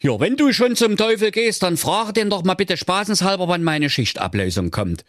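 A man's voice: sits high, big pitch swings, normal speed, fairly bright tone, no echo, clean studio sound, pitched above the performer's own voice. A man voicing an overworked, fed-up male sausage vendor who grumbles wearily. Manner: grumbling, weary.

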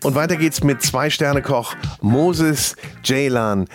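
A man hosting a casual interview at a festival, chatty and quick with short affirming interjections. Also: medium pitch, soft background music. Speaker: podcast host interviewing chefs.

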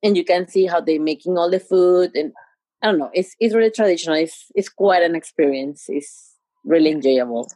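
A Mexican woman with a Mexican accent, a Spanish speaker chatting as a podcast guest, halting as she searches for English words. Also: lowish voice, mellow, no echo. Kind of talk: casual chat.

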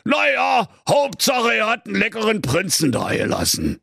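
A man's voice: huge pitch swings, normal speed, vocal fry, sharp tone, heavily acted. A man voicing a greedy, smug fire-breathing dragon that talks in a gloating, jumpy way in a comic fairy-tale reading. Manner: gloating, with sudden high squeals.

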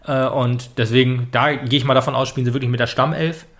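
Gravelly man hesitantly chatting about football. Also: mid-range voice, fairly even intonation, fast, fairly bright tone. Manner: hesitant, many fillers and restarts. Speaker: podcast co-host. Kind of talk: casual football podcast chat.

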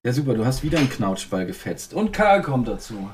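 A woman in her thirties hosting a casual family podcast at home with her children, patient and gently scolding, laughing easily. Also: extremely low pitch, sing-song, brisk, noisy background.

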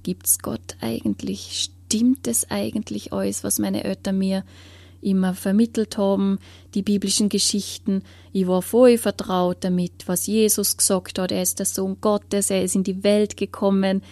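Earnest woman, soft and dry. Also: mid-range voice, dry recording. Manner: earnest, searching, often dropping to a hushed whisper. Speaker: interviewee. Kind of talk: personal faith testimony.

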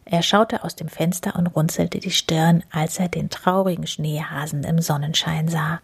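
A woman reading a picture book aloud to children, expressive and often dropping to a whisper. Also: deep voice, normal speed, gravelly, breathy edge. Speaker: story reader.

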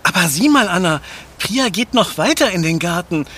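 An excitable ghost-hunting youngster. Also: male voice, high-pitched, moderate pace, husky, exaggerated voice. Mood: curious. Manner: eager and excitable. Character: curious, jumpy young guy who loves ghost stories. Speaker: Ben, lead in audio drama. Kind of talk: children's audio drama acting.

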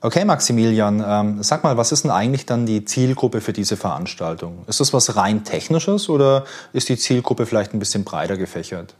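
A man's voice: fairly low pitch, animated, fairly quick, few pauses, darkish tone. A man hosting a casual interview, asking friendly, curious questions with a few fillers. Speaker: host.

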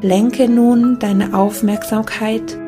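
A woman leading a guided meditation in a soft, calming, unhurried manner. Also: fairly high pitch. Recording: background music behind the voice. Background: meditation music.

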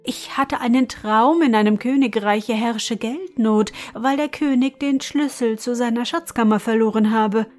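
A woman voicing the griffin's clever, kind wife, speaking higher and eagerly in a storybook tale. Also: unhurried, few pauses, a little mellow, faint music behind, natural voice. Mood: earnest.

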